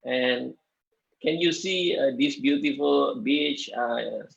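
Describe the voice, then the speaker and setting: Halting, slow-talking man on a muffled call. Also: mid-range voice, vocal fry. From Indonesia. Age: 30s. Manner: hesitant, many fillers and restarts. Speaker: guest lecturer, architect. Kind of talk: halting lecture in non-native English.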